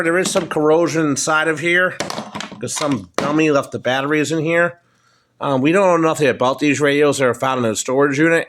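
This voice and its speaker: A middle-aged American hobbyist, speaking at medium pitch from behind a handheld phone camera, casually shows off things at home across a wooden table. His off-the-cuff show-and-tell is plain spoken and kind of halting.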